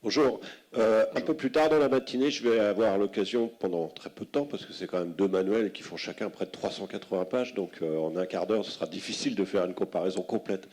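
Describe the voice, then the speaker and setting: A man's voice: lowish voice, fairly quick, hardly any pauses, darkish tone. A man who is a conference speaker, giving a spontaneous, explanatory answer.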